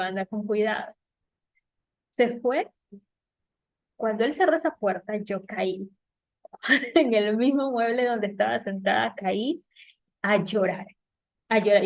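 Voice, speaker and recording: A woman sharing a personal faith testimony, emotional and halting, with soft laughs and tearful moments. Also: fairly high pitch, no echo. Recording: tinny phone-like sound.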